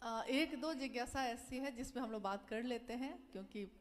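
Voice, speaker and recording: Woman, high voice, devotional sermon, earnest, exhorting, repeats phrases. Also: normal speed. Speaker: religious speaker.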